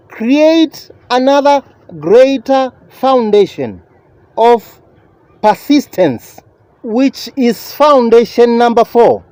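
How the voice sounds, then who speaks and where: A man preaching a motivational sermon in a lecturing, emphatic manner, with deliberate, repetitive phrasing. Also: sits high, warm tone, no echo.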